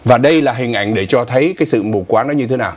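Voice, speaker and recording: A man in his sixties co-hosts a morning news show from a TV studio, wearing a lapel mic and offering casual commentary with asides. He talks fast, and his medium-pitched voice is a little mellow.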